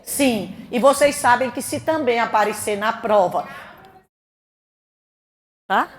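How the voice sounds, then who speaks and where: Fast-talking Brazilian woman teaching grammar. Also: on the high side. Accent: Brazilian Portuguese. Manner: fast-talking, quizzes the class with questions and answers. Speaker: grammar teacher for exam prep. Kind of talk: classroom grammar lesson.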